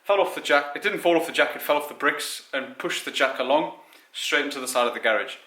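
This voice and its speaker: A car vlogger born in South Africa and raised in Zimbabwe chats casually and self-deprecatingly while fixing up his car in his home garage. His mid-range voice is fast, bright, and forceful.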